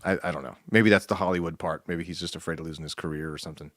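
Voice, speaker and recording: A man's voice: sits low, fairly even intonation, racing, fairly bright tone, dry recording. A man co-hosting a podcast, rambling in casual chat and laughing often. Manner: rambling, laughs often, quotes people in put-on voices. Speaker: podcast co-host.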